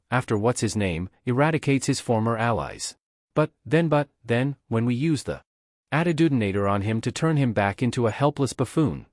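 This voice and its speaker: Man narrating fanfiction, lively up-and-down pitch, dry close sound. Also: dry recording. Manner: reads every character in one even narrating voice. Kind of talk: fanfiction read-aloud.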